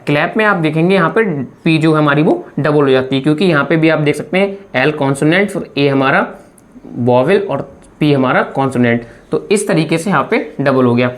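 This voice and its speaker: Low-voiced woman teaching grammar. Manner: explains step by step, repeats "friends" and "okay" often. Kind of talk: video lecture explaining grammar.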